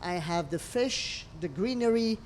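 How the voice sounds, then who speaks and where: A little slow and fairly low in pitch, her voice comes with a bit of hiss or hum. She is a middle-aged restaurant owner from Lebanon, speaking expressively in imperfect English as an interview unfolds over a meal, her phrasing that of a non-native storyteller.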